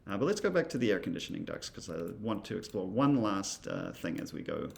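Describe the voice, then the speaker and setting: Male instructor, low and gravelly, casual demo talk full of fillers. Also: very animated, fairly quick. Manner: thinking aloud, many fillers and asides. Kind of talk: casual walkthrough of software.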